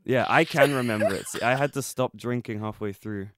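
A man's voice: mid-range voice, a little fast, a bit bright. A young man co-hosting a casual podcast, rambling with fillers and laughing easily. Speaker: podcast co-host. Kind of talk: casual chat.

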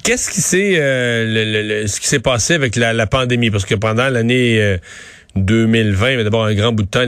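Halting Quebec French male interviewer, dry sound. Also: medium pitch, no echo. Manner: hesitant, halting, often repeats words while forming questions. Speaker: radio interviewer. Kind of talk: unscripted interview questioning.

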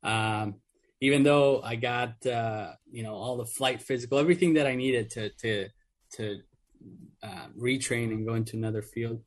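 Male guest, Mexico-born vet, earnest and filler-heavy, average pitch. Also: normal speed. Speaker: guest, Air Force veteran. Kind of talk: casual radio interview.

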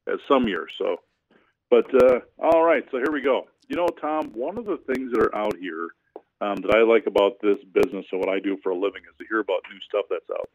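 Brief: lower-voiced male financial advisor on a phone line, rambling and hesitant, dry lo-fi sound. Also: animated, brisk, no room sound. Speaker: financial advisor, regular guest. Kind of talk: casual radio chat. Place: cabin in the woods. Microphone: phone or internet call.

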